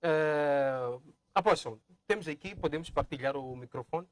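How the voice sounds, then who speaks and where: A man moderating a religious debate and putting halting questions to the guests. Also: fairly high pitch. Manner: frequent short acknowledgments, halting questions.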